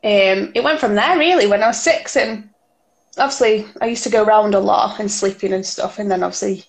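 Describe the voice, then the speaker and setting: A woman's voice: medium pitch, a little fast, vocal fry. A young woman from Stoke-on-Trent with a local Stoke accent, talking informally as an interview guest about her own experiences. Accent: Stoke-on-Trent English. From Stoke-on-Trent, England. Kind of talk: personal conversation, recounting experiences.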